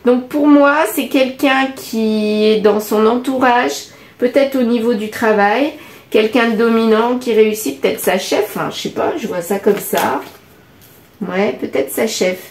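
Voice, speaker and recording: A woman with a French accent doing a casual oracle card reading, musing aloud and pausing often with fillers. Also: on the high side, a little mellow, reverberant. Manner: musing, hesitant, many fillers. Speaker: card reader.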